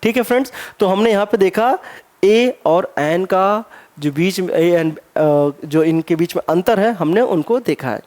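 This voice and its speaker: Man teaching grammar, spelling words slowly. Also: high voice, animated, darkish tone. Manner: asks himself rhetorical questions, mixes English phrases into Hindi. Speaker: English teacher. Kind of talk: exam-prep grammar lesson.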